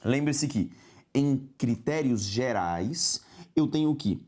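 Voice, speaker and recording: A Brazilian man teaching grammar in a recorded exam-prep lesson, talking straight to the student, spelling out syllables slowly and tagging points with a rising "ok?". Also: mid-range voice, lively intonation, a little mellow. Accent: Brazilian Portuguese. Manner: didactic, addresses student directly with frequent "ok?".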